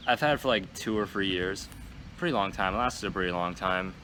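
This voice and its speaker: A teenage guy with a fairly low voice talks casually to his vlog viewers. He rambles along with plenty of "like" as he walks outside. Clear ambient noise, including vehicles, sits behind his voice. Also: fairly quick. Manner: rambling, filler-heavy with "like". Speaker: vlogger. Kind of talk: casual outdoor vlog chat. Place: outdoors in a park, walking.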